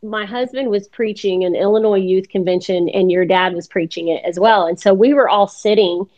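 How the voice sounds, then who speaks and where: A woman's voice: medium pitch, fairly even intonation, moderate pace. A woman hosting a casual faith chat, telling stories and laughing often. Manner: warm storytelling, laughs often. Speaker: podcast host. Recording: dull lo-fi sound.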